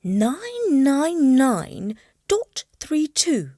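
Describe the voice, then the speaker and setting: A woman's voice: high voice, huge pitch swings, slow pace, a little mellow, no echo, clean studio sound, pitched above the performer's own voice, heavily acted. A woman voicing a prim, thoughtful female mouse who talks in a precise, instructive way. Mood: earnest. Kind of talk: storybook character voice.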